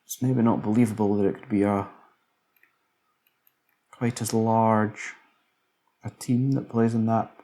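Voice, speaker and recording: A man's voice: lowish voice, level tone, measured pace, pauses often, mellow. A man casually commentating a city-building game, musing aloud as he builds, tired late at night. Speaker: let's play commentator.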